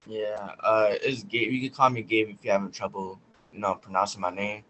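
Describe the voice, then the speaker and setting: A teenage boy answering on a student panel in a confident, deliberate way. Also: fairly low pitch, little pitch movement, fairly bright tone, slight background noise, poor audio. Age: teens.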